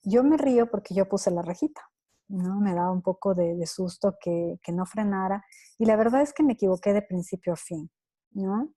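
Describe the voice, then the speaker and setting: Woman in her 30s, mellow voice, easygoing conference Q&A, voices parent and child exchanges. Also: medium pitch, moderate pace. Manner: conversational, acts out parent-child dialogues; laughs easily, lively quoting. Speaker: parenting speaker answering questions. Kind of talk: conference Q&A talk.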